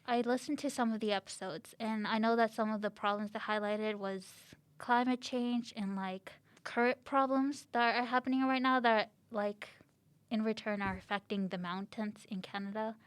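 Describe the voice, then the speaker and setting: A young journalism student from Chile, chatting casually with light laughs and "like" fillers. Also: female voice, on the high side, steady tone, normal speed, clear, resonant tone, no room sound. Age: young adult. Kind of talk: casual interview answers.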